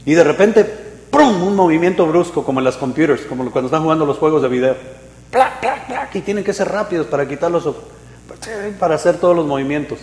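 Male pastor, lively preaching, slightly high voice, echoey church hall. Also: brisk. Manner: animated preaching, acting out voices, swings from loud to hushed. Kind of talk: sermon.

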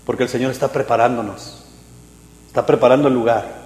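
A man, a pastor preaching a sermon, animated and swinging between loud and hushed. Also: mid-range voice, brisk. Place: church hall. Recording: echoey hall reverb.

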